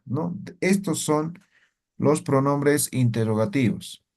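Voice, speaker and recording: A man's voice: on the high side, a little mellow. A man teaching a language lesson in Spanish, patient and explanatory, often checking in with tag questions.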